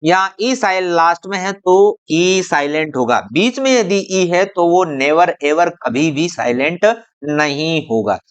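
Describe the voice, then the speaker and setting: Patient teacher with a smooth voice. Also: mid-range voice, lively intonation. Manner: patient and repetitive, drawing out example words slowly; asks the viewer questions and answers them. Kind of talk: classroom-style explainer video.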